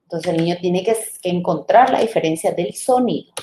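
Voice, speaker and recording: A woman teacher trainer giving a live online lecture, explaining patiently, sounding out syllables slowly and checking in with her listeners. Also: on the low side, warm tone, reverberant, slight background noise.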